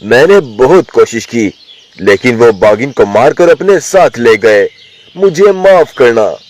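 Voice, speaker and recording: A man voicing a scheming, treacherous male lion in an animated story. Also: medium pitch, measured pace. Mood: falsely sorry.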